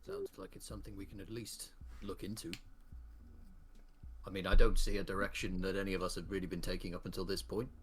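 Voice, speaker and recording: A man's voice: deep voice, sing-song, a little fast, fairly bright tone. A man playing a tabletop role-playing game, talking casually in and out of character.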